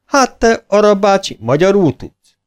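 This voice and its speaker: A man's voice: medium pitch, sing-song, vocal fry. A man voicing a cheerful young male soldier who teases in a storybook. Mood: teasing.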